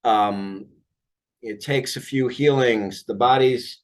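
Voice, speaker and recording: A man who works as an aura healer describes a client session in an unscripted monologue. His medium-pitched speech is halting, full of fillers and restarts.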